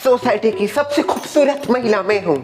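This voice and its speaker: A man doing a shrill bickering housewife. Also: lively intonation. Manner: quick shifts between squeaky and low put-on voices. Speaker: sketch comedian playing all characters. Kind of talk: comedy skit with one performer in every role. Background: music.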